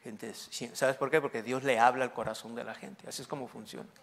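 A man's voice: medium pitch, fairly even intonation, brisk, creaky, a bit bright. A man in his forties with a Mexican accent, preaching a sermon as a pastor and telling humorous stories to his congregation. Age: 40s. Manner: humorous storytelling, joking with the congregation.

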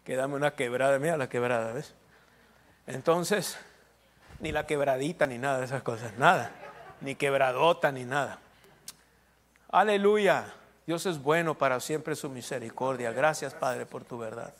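A middle-aged man with a medium-pitched voice, speaking at normal speed, preaches as pastor in a relaxed, joking manner with short prayers and amens mixed in. Soft instrumental music plays in the background.

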